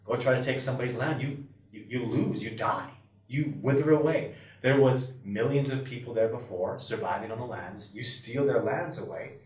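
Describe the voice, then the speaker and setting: Brief: emphatic man, wilderness expert type, animated delivery, mic set back in an echoey room. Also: mid-range voice, moderate pace. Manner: emphatic, animated, often voices what others might say. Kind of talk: passionate interview talk. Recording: roomy and distant from the mic.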